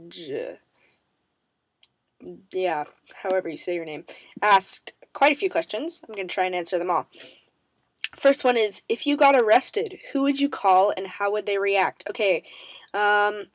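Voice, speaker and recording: A vlogger answers viewer questions straight to camera, bubbly, self-mocking and rambling with lots of ums. Still recovering from strep throat, she sounds raspy and coughs now and then. Her voice is mid-range, with no echo.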